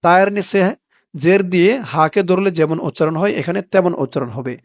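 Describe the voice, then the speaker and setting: A man teaching Quran reading, spelling out letters and vowel marks and then chanting the verse slowly. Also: sits high, dry recording, studio quality. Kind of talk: spelling-out recitation lesson.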